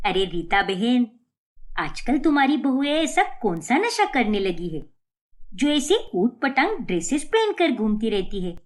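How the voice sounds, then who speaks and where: A woman voicing a gossiping, scornful middle-aged neighbor woman in a cartoon story. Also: fairly high pitch. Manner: sneering, scornful.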